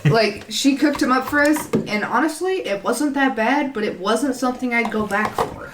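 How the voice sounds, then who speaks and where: A woman's voice: on the high side, normal speed. A young woman co-hosting a podcast in casual chat, talking at length and leaning on fillers. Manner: chatty, filler-heavy. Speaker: podcast co-host. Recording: echoey room with faint noise.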